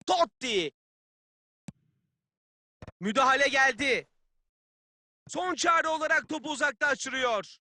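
An actor playing a keen football play-by-play announcer in a video game, calling the match in clipped phrases. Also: male voice, very high voice, lively intonation, slow, long pauses, sharp tone, no room sound, studio quality, heavily acted. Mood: keen, tense.

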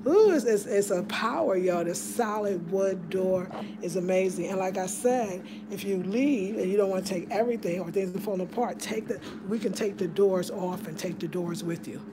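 A woman giving a chatty, excitable home tour to her viewers, filmed on a handheld phone in a small room. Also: mid-range voice, moderate pace, noisy background. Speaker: home decor vlogger. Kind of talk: casual home tour vlog. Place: small room of a house indoors. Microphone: handheld phone camera.

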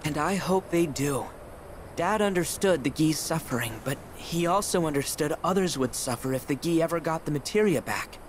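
A man's voice: fairly high pitch, expressive, normal speed, slight background noise, lightly acted. A man voicing an earnest young beast. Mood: resolute. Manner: earnest, determined. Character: young male beast, earnest son of a fallen guardian. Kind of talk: game cutscene voice acting.

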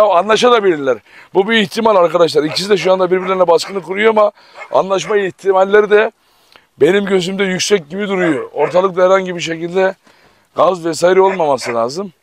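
Man with high voice commanding dogs. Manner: tense, repeatedly commanding dogs to calm down. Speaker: dog owner filming his dogs. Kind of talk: casual vlog commentary. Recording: loud background noise with barking dogs. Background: dogs barking and growling.

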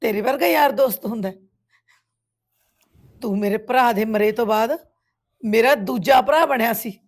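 A woman's voice: on the high side, normal speed, natural voice. An actress with a Punjabi accent playing a grieving village woman who bitterly reproaches a family friend. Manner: reproachful, tearful accusations. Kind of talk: village web series drama.

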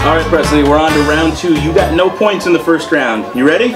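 A man's voice: on the high side, a little fast, over loud music. A man in his thirties hosting a casual, playful challenge game, bantering at a table indoors. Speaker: game show host. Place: indoor room at a table, seated.

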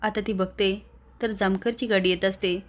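A woman narrates the recap of a TV serial in plain, steady storytelling. Her pitch is mid-range and stays flat, with little rise or fall. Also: moderate pace.

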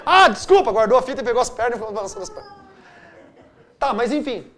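Animated Brazilian pastor teaching. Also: male voice, extremely high pitch, fast talker. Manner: animated storytelling with wide swings of loudness. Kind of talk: Bible study teaching.

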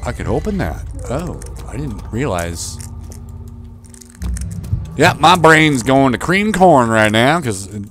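A young man doing horror game commentary, cursing constantly and jumping between low grumbling and panicked yelps. His voice swoops widely in pitch, and he talks slowly and draws out his words. Faint music plays behind him. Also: big pitch swings. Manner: profane, panicky, swearing and shouting at monsters. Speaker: game streamer.

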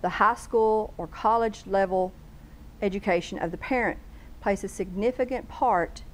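Woman, studio guest, earnest and explanatory, even mid-range voice. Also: medium pitch, normal speed, rough recording. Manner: earnest, explanatory, lists questions. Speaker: homeschool bookstore guest. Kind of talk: casual TV interview chat. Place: local TV studio.

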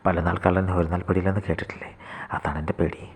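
A man voicing an earnest teenage nephew in a hushed, often whispered storybook reading. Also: low voice, flat delivery, fast, breathy edge. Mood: solemn.

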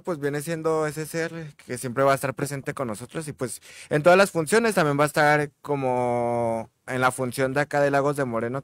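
A man with a Mexican accent chats easygoing and hesitant at a studio table microphone. His voice is smooth and resonant at a middling pitch. The sound is dry and close. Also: no echo. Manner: easygoing, hesitant with many fillers. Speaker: masked wrestler guest. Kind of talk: casual podcast interview. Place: indoor studio set with a backdrop. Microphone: table microphone on a stand.

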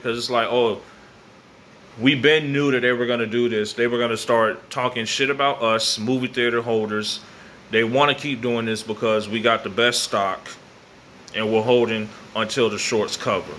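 An American man in his thirties with a bright, forceful voice talks off the cuff like a vlogger. He is slangy and likes to repeat a phrase for emphasis. The phone recording has some faint ambient noise from an open garage. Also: medium pitch. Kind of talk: casual rambling vlog to camera. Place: open garage at night, windy weather. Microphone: phone at arm's length.

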